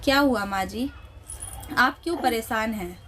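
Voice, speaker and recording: Gentle, patient young daughter-in-law who pleads softly, played by a woman narrator. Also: fairly high pitch, unhurried, a little hiss or hum. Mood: pleading, soothing. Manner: soft, pleading.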